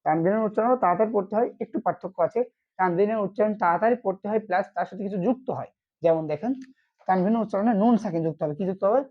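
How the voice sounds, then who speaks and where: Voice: mid-range voice, racing, lo-fi sound. A Quran reading teacher giving an online lesson, asking short questions and answering them himself.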